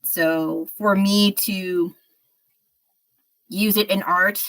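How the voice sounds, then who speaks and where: Painting live on stream, a slightly unwell American woman talks frankly and rambles in a mid-range, fairly bright voice. She speaks very slowly with fairly even intonation, and the recording is poor.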